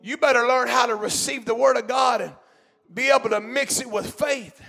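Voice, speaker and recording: A man preaching a sermon in a church, fervent and shouting in bursts, punctuated with amens and hallelujahs. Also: extremely high pitch, moderate pace, gravelly.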